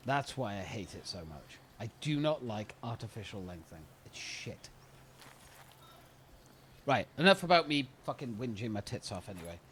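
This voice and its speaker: A man's voice: medium pitch, fairly bright tone, a little hiss or hum. A British man streaming a video game, ranting in an exasperated, profane way. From United Kingdom. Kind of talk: casual live-stream commentary.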